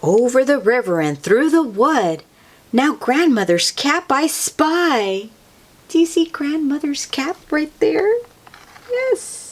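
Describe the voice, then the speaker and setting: Pitched high and taking her time, a woman hosts a picture-book reading for little kids. Expect a sing-song, expressive style with questions aimed at the listener and gentle exclamations.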